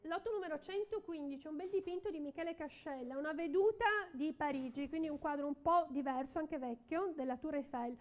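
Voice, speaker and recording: A woman's voice: high voice, brisk, few pauses, lo-fi sound. A middle-aged woman working as an auctioneer at a live art auction, calling lots and repeating bids and counts in short phrases. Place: indoor auction room, at a podium.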